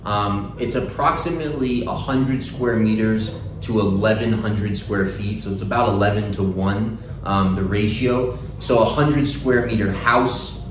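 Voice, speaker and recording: A man's voice: lowish voice, unhurried, few pauses. A man hosting a casual interview, asking questions and clarifying details for viewers. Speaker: interviewer and host. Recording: roomy echo, clear background noise.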